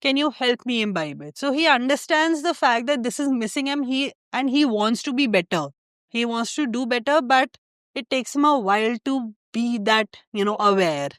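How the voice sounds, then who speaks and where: A woman's voice: fairly high pitch, normal speed, no room sound, clean studio sound. A young woman with an educated, polished Indian accent, talking casually as an interview guest. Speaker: podcast guest.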